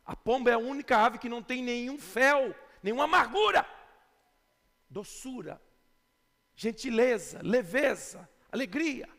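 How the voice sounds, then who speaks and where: A man with a Brazilian Portuguese accent preaching a sermon as pastor, emphatic, swinging between shouts and quiet asides. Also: extremely high pitch, lively intonation, unhurried. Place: church sanctuary. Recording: long church reverb.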